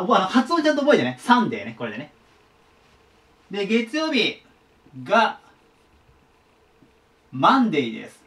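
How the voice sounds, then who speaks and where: With a high, fairly bright voice, a man teaches a laid-back whiteboard lesson online, chatty and full of his personal memory tricks. The mic picks him up from a slight distance.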